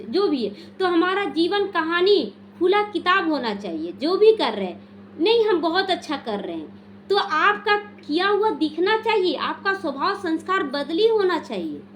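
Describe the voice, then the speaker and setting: Woman, high-pitched, spiritual teacher, devotional talk, earnest and exhorting, quizzes listeners, faint background hum. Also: fairly bright tone. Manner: explains point by point, quizzing listeners.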